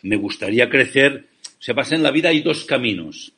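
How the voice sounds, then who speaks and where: Earnest, persuasive male interviewee from Spain, husky and mid-pitched. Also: lively intonation, a little fast, pushed and bright. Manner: passionate, persuasive, rhetorical questions. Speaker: ethical banking founder, interview guest.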